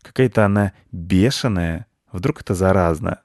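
A man voicing an unhurried, deadpan male cat who speaks with mock kindness in a storybook reading. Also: low voice, dry recording, studio quality. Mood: pensive. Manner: slow, mock-kindly, deadpan.

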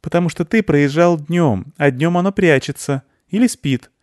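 Male reader voicing a pushy little girl, storybook; high, insistent, close dry sound. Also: darkish tone, no room sound, close to an everyday voice. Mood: lively. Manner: brisk, insistent. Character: bossy energetic little girl. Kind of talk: audiobook character voice.

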